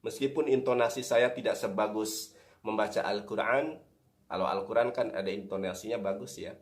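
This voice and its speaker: A man's voice: lowish voice, steady tone, normal speed. A man giving a religious lecture as a preacher, earnest and direct, addressing his listeners as brothers and often correcting himself mid-sentence.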